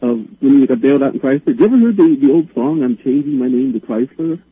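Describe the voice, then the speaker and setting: A man with an Ohio accent calling in to a radio show, talking haltingly with many restarts. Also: medium pitch, animated, slightly rough, no room sound. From Ohio, United States. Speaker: caller. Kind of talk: phone-in call. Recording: tinny phone line.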